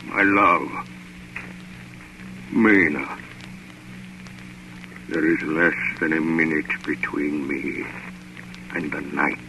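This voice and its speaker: An actor playing an ancient vampire count in old radio drama, solemn, hypnotic and menacing, with a sepulchral voice. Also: male voice, fairly even intonation, background noise, exaggerated voice. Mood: pleading, hypnotic. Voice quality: deep, sepulchral. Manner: slow, solemn, incantatory. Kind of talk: 1930s radio drama acting. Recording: dull, humming vintage radio recording.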